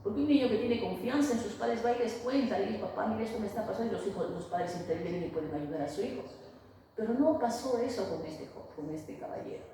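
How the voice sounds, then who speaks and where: Woman therapist, halting and filler-heavy, warm tone, distant mic with light hiss. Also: mid-range voice, lively intonation. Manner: hesitant, many fillers and restarts. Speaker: family therapist. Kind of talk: interview, explaining to an interviewer. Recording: echoey room, voice far from mic, faint noise.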